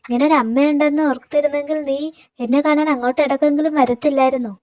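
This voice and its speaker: A woman's voice: sits high, steady tone, fast, darkish tone, no room sound, dull audio, natural voice. Woman voicing a bossy grandmother. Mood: reproachful. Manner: scolding, sarcastic, commanding. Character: domineering older woman, a grandmother.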